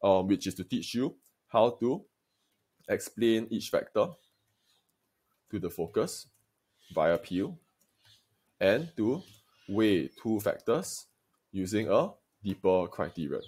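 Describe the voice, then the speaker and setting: Low-voiced male history teacher. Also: sing-song, a little mellow, breathy edge. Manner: deliberate, emphatic lecturing, addressing students directly. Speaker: secondary school history teacher. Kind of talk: recorded video lesson.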